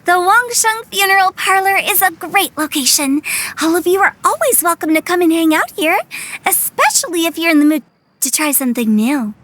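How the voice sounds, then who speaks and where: A woman's voice: very high-pitched, lively intonation, normal speed, a bit bright. A woman voicing a mischievous young female funeral director in a video game, teasing and sing-song in manner. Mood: playful.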